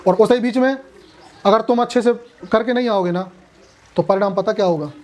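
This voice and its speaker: A man's voice: high-pitched, fairly quick, a little mellow. Male tutor, classroom lecture, casual and talkative, keeps checking students follow. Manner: chatty, asks students questions, jokes. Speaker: coaching class teacher.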